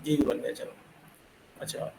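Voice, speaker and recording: A man's voice: moderate pace, dark tone. A male coding teacher giving a recorded classroom lecture, mixing Hindi with English phrases, explaining with everyday analogies and quizzing his students. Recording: roomy classroom with faint background noise.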